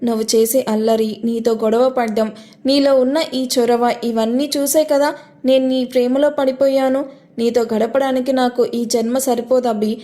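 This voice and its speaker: A woman's voice: high-pitched, fairly even intonation, moderate pace, lightly acted. A woman voicing a tired but loving young man in a romance audio story, whining about shopping and then sweet-talking. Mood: romantic. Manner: weary complaining, then romantic. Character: tired, fond young man, playful fiancé.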